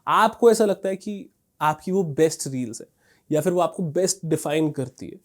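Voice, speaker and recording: Chatty male instructor, slightly high-pitched. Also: normal speed. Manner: conversational, repeats "thik hai" and "dekhiye", frequent fillers. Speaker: instructor teaching Instagram growth. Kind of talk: casual screen-share tutorial.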